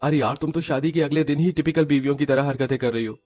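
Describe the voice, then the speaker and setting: A man plays a demanding young husband who grumbles at his wife in a storybook drama. His voice is a bit high and husky, recorded dry. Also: fast, darkish tone, dry recording, natural voice. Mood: teasing. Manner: complaining, impatient.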